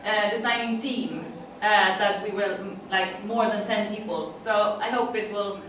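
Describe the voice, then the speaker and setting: A middle-aged woman from Sweden, speaking accented English, gives a chatty conference presentation sprinkled with laughs and fillers. Her mid-range voice is a bit bright and unhurried, with slight background noise. It was recorded far off on a room mic in a dim conference room that echoes.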